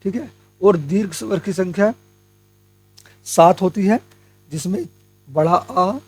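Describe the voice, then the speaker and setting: A young man with a fairly high voice runs an exam-prep grammar lesson, talking to his viewers as friends. He goes step by step, asks his own questions and answers them. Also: takes it slowly, darkish tone, dry recording, faint music behind. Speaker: Hindi grammar teacher.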